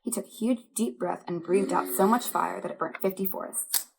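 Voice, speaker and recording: A woman, a church religious education director, reading a children's story aloud in a lively, animated way. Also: mid-range voice, a little fast, vocal fry, very noisy.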